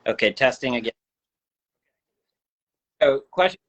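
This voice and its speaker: A man's voice: mid-range voice, expressive, dry recording, lo-fi sound. Man on a video call with uneven volume. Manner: fiddling with his setup, brisk and practical. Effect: uneven volume, audio cutting in and out over a laggy connection. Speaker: guest, business owner. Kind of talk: casual chat.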